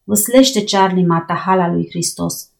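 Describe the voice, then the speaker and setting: Gruff old male boat captain, read by a woman, commanding, grumbling. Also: lowish voice. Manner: barking orders, grumbling.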